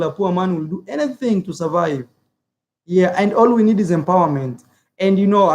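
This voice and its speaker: A man's voice: sits high, a little mellow. A man from Africa giving his opinions in a casual vlog, earnest and repetitive, with many filler words. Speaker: YouTuber. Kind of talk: casual opinion vlog, reading viewer comments.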